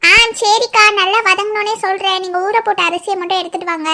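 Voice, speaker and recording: Squeaky, shrill village women bickering over the cooking in a cartoon comedy, all voiced by one woman. The voice is very high and sharp, bossy and scolding, sped up like a cartoon. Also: steady tone, fast. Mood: busy.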